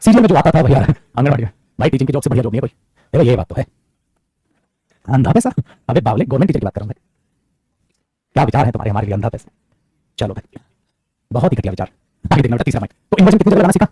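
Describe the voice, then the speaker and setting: A male teacher giving an animated grammar lecture to students, talking fast and calling them beta. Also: mid-range voice, breathy edge, no room sound.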